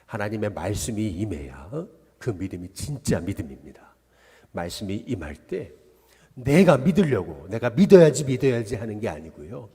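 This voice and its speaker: A man, the senior pastor, giving a dawn service sermon in a church sanctuary, telling the story in an animated way. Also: lowish voice, moderate pace, slightly rough. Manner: animated storytelling, acting out quoted voices. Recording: long reverb of a church hall.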